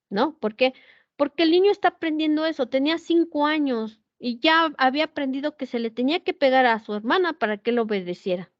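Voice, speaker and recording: Woman, pedagogy teacher; animated lecture full of rhetorical questions; high-pitched, muffled lo-fi sound. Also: dry recording. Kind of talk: lecture with anecdotes. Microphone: video call setup. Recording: dull, dry lo-fi sound.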